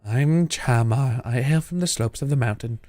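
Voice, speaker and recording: Man voicing a soft, serene, polite priestess maiden. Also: medium pitch, normal speed, faint music behind, close to an everyday voice. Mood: polite, reserved. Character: polite, reserved young priestess envoy from the mountains. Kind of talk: role-play reading of game dialogue.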